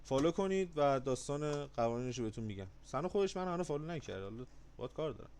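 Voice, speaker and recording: An expressive man runs a livestream giveaway with relaxed, jokey banter, his delivery lurching from stretched-out yells to fast, low muttering. Slight noise sits in the background.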